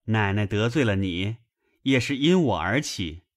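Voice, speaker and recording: A man's voice: on the low side, expressive, measured pace. A man voicing a sheepish young nobleman apologizing to his wife and her maid.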